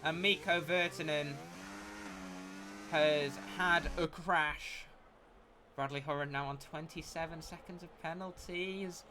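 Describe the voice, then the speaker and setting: A man giving live motorsport commentary as a race commentator, with an excitable delivery that rises at incidents. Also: fairly high pitch, slow, slight background noise.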